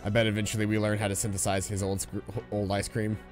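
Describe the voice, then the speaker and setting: Guy streaming a game and chatting about it, lowish voice, reads the screen out loud, faint game music behind. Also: completely flat delivery, quick pace. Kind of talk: casual gameplay commentary.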